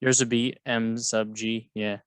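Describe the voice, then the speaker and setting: A man's voice: lowish voice, little pitch movement, a little slow, clear, resonant tone, no room sound. A man teaching math alongside a colleague, playful and jokey, guiding with questions. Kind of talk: co-teaching a lesson, casual banter.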